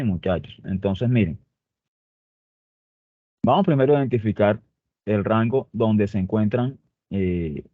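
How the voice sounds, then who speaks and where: A man teaches a spreadsheet lesson, explaining each step and stopping often to check that his students are following. His voice sits on the low side. The sound is tinny and dry, like a phone line with no room around it. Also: no room sound. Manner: explains step by step, with frequent "¿ok?" and "muchachos" check-ins. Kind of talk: spreadsheet tutorial.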